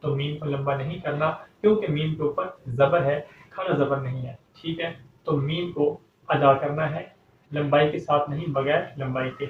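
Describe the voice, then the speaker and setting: A man with a slightly high voice teaches a recitation lesson and breaks into slow, drawn-out chanting of the verses. He sounds far from the mic in an echoey room, with a faint hum behind him. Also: fairly even intonation. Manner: explains slowly, then chants verses drawn out. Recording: echoey, distant, dull lo-fi recording with faint hum.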